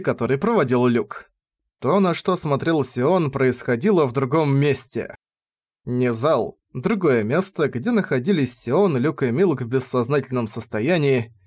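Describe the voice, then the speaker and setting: A man reading a fantasy story aloud as narrator, in even, measured scripted narration. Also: medium pitch.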